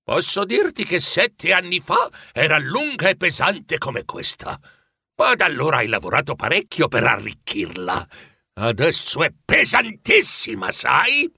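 A man's voice: wildly swooping pitch, a little slow, gravelly, pushed and bright, husky, no echo, clean studio sound, heavily acted. A man voicing Marley's mournful chained ghost. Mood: grim, teasing. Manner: mournful, pleading, rising in pitch. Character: ghost of a dead old businessman, chained, remorseful.

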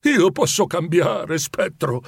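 A man's voice: big pitch swings, a little slow, vocal fry, a bit bright, slightly rough, no room sound, heavily acted. A man doing a desperate old miser. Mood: pleading. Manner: anguished, pleading, high-pitched. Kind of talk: storybook reading.

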